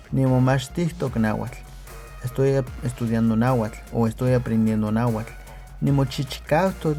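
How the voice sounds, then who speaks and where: A man teaching a video language lesson, patiently repeating phrases slowly for learners. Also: medium pitch, dark tone. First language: Nahuatl.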